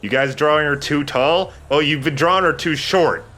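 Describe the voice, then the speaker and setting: A man hosts a let's play, bantering casually and self-deprecatingly over his game, with game sound and clear background noise. His voice is on the high side, pushed and bright, at normal speed.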